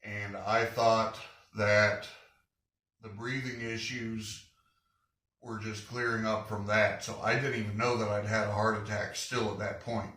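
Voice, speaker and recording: A man's voice: on the low side, little pitch movement, bright, forceful tone, far from the mic. Out-of-breath man in a roomy garage. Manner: plainspoken, unhurried, halting with fillers. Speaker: garage channel host. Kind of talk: casual vlog update. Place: home garage.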